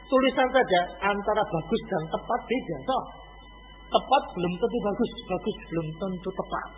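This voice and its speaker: Man, very high voice, lively lecture, rhetorical questions, long hall echo. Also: normal speed, soft background music. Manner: lively, conversational, rhetorical questions, Arabic terms. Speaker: religious teacher. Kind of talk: Islamic study lecture. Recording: echoey hall over a tinny lo-fi line.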